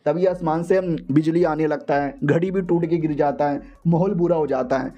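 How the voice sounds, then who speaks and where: Chatty high-voiced man narrating a recap. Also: fairly even intonation, moderate pace, warm tone, muffled recording. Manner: chatty, informal, addresses viewers. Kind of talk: casual story recap narration.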